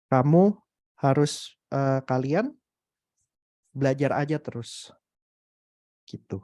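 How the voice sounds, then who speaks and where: A young adult man giving a casual, motivational webinar talk, animated and full of hesitant fillers. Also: medium pitch, takes it slowly, no room sound. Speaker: webinar speaker.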